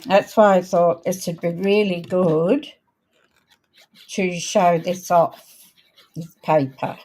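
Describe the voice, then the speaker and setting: A woman's voice: fairly low pitch, steady tone, darkish tone. A woman hosting a live card-making demonstration, chatting as she works, her voice a little crackly. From outside America. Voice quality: slightly crackly voice. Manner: chatty, unhurried, talks while working. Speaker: crafting host.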